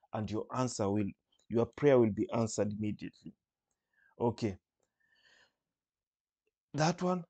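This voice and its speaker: A male preacher teaching from the Bible, reading verses aloud and slowly repeating phrases to explain them. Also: mid-range voice, mellow. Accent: Kenyan.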